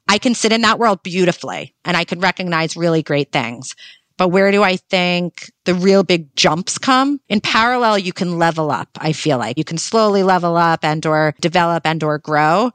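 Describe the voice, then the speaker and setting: A woman in her thirties talks as a podcast guest, with an upbeat, emphatic and practical manner. Her voice sits fairly low. The sound is close and dry. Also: a bit bright, no room sound. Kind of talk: podcast conversation.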